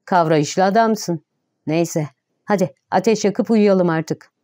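A woman reading aloud voices a crude, scornful male soldier who shouts curses. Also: fairly low pitch, slow pace, dry recording, clean studio sound. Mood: sly.

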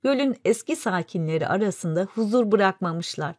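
A woman narrating a folk fable in a clear, even storytelling delivery. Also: mid-range voice, moderate pace, dry recording, clean studio sound. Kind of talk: scripted fairy-tale narration.

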